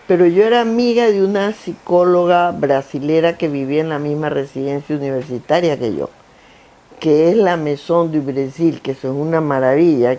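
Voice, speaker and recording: Low-voiced and animated, an older woman from Guayaquil who founded a foundation tells stories about her work in a conversational interview on a theater stage. She speaks coastal Ecuadorian Spanish, with an anecdotal style and lists full of repetition.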